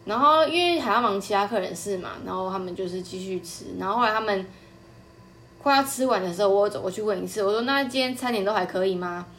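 A young woman hosts her own podcast, talking quickly in a chatty, animated way. Her voice sits at an ordinary middle pitch, and a faint hiss of background noise runs under it. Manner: chatty, quick and animated, acting out customers' lines. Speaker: podcast host. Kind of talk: casual storytelling monologue.

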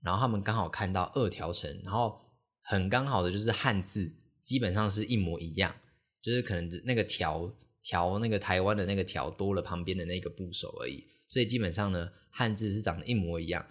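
A man's voice: deep voice, brisk, fairly bright tone. A young man hosting a podcast, telling a casual, rambling story full of fillers and restarts and acting out the people he quotes. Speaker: podcast host.

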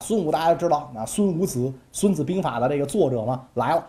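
Lady telling old history stories, jokey and chatty, lower voice, bouncy. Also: expressive, quick pace, dark tone. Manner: jokey, chatty asides to listeners. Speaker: storyteller. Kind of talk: colloquial history storytelling.

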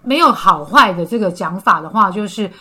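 A woman's voice: medium pitch, lively intonation, a little fast, pushed and bright, breathy edge. A woman hosting a casual podcast chat, teasing her guest and laughing often.

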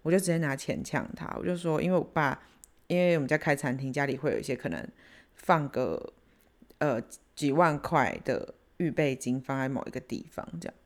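A woman with a Taiwanese accent hosting a casual podcast, retelling a family story in an animated way and switching into Hokkien. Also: low-pitched, a little fast. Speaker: podcast host.

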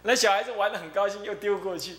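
A man's voice: high voice, fast talker, fairly bright tone. A male abbot from Taiwan, telling a story in a Buddhist dharma talk and acting out its characters. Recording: echoey room, faint hum.

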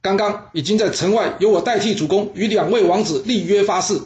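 A man's voice: mid-range voice, fairly quick, dull audio, lightly acted. A man voicing a scheming, persuasive adviser who coaxes and pushes hard. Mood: urgent. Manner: coaxing, then urgent and shouting. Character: scheming persuasive male adviser, pushy and loud.

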